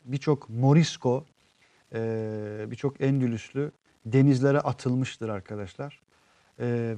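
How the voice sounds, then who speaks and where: A man with a dark, mellow tone hosts a casual live stream, reading out viewer comments and explaining at length. He sounds earnest and unhurried and often drifts off with long fillers. The sound is close and dry. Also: mid-range voice, dry recording.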